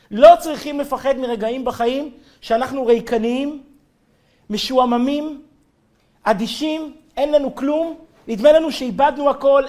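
A rabbi delivers a weekly Torah lesson, moving from story to teaching. His voice sits unusually high for a man, and he tells the tale with energy, acting out the characters and chuckling along the way. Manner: animated storyteller, acts out quotes, chuckles while telling.

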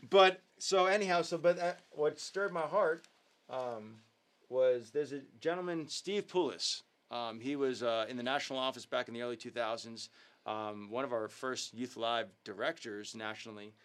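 A man's voice: medium pitch, normal speed, fairly bright tone. Earnest man hosting a ministry livestream. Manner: filler-heavy, earnest, upbeat. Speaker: youth ministry leader and host. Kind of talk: casual livestream talk with devotional teaching.

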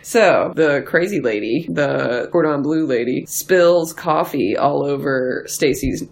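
A woman's voice: sits low, slow pace, creaky. A woman co-hosting a podcast, chatting casually and teasingly as she recaps a movie's plot from her notes. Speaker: podcast co-host.

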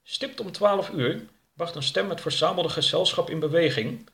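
A man narrating a story in a measured, even way. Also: on the high side, creaky.

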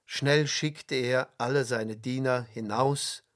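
Slow-reading male storyteller. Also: medium pitch, fairly even intonation. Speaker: reader. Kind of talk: scripted storybook narration.

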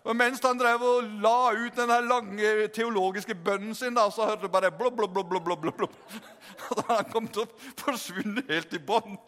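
High-voiced older preacher in an echoing hall. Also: male voice. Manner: lively, humorous, acts out scenes. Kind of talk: revivalist sermon with storytelling. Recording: long reverb in a hall.

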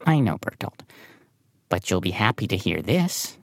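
A woman's voice: extremely low pitch, sing-song, normal speed, no room sound, studio quality, heavily acted. A woman voicing a patient, explaining winged sidekick who corrects her friend.

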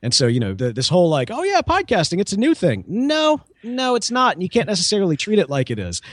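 A start-up co-founder chats informally as an interview guest, often acting out hypothetical quoted dialogue. His high-pitched voice swings hugely in pitch at a quick pace. The recording is dry and studio quality.

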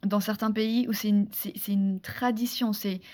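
A woman from France, a guest in a casual interview, telling a story in a lively, chatty way with many restarts and fillers. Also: mid-range voice, normal speed. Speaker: interview guest, former beauty pageant contestant.

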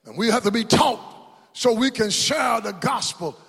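A man preaching a sermon as pastor, rising into shouts and call-and-response in a church. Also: very high-pitched, lively intonation, moderate pace, vocal fry, slightly rough, faint music behind. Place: church sanctuary. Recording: long hall reverb.

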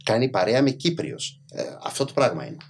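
A man's voice: medium pitch, creaky, a little hiss or hum. A middle-aged man with a mainland Greek accent, telling stories casually and emphatically as a podcast guest. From Greece. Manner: animated, emphatic, acts out quoted speech. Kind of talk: casual conversational storytelling.

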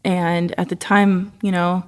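A young woman from Oklahoma, a musician being interviewed in a studio, relaxed and chatty, often saying "like.". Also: fairly low pitch, unhurried. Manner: relaxed, laughs easily, says "like" often. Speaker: musician guest. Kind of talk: casual interview.

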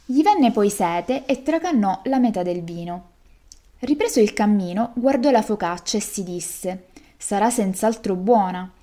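Woman, storyteller, folk tale read aloud, expressive, mid-pitched voice. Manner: lively, expressive narration.

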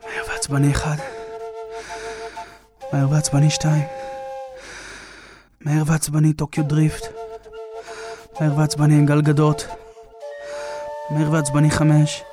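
An actor playing an obscure, hot-tempered male vaccine inventor who blows up and then forces himself calm, in a comedy audio drama. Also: fairly high pitch, music in the background, natural voice. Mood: exasperated.

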